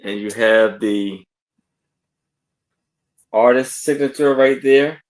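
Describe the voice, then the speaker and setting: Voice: mid-range voice, takes it slowly, darkish tone. A speaker describing items on a casual live sale, stumbling and hesitating over words.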